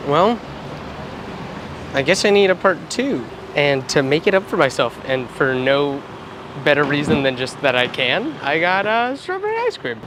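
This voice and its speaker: A man's voice: medium pitch, noisy background. A man in his twenties, a vlogger, talking casually to camera in a self-deprecating, rambling way. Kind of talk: casual vlog talk to camera. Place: outdoors in summer heat, then indoors.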